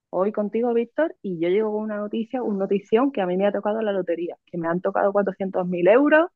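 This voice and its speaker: A woman's voice: mid-range voice, no room sound, highs cut off. A woman psychologist from Spain explaining in an interview, teacherly, checking in with her listener and acting out examples. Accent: Peninsular Spanish. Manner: didactic, checks in with "¿vale?", acts out examples. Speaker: psychologist and early intervention counselor.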